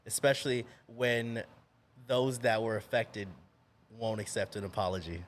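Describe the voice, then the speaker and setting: A man's voice: on the low side, a little slow. A man hosting a podcast, offering brief affirmations and asking reflective follow-up questions. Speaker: podcast host. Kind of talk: casual interview chat. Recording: faint background noise.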